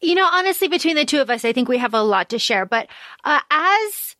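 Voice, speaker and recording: A woman's voice: high-pitched, lively intonation, brisk, sharp tone, dry recording, clean studio sound. A woman hosting a casual book and fandom podcast, speaking in an emphatic, playful way. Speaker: podcast host.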